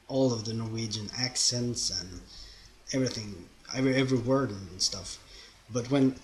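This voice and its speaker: A young Swedish man with a mid-range, sharp-toned voice answers viewer questions from his home in Norway, speaking in his second language with a Swedish accent. He's a YouTuber doing a casual Q&A vlog, chatty and rambling, with loose grammar and plenty of fillers.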